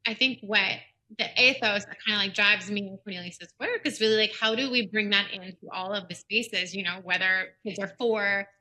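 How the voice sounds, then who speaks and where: Woman, teacher of teachers, very bright sharp tone, casual, filler-heavy chat. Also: medium pitch, normal speed. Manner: chatty, lots of like and you know. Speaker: teacher educator, podcast guest.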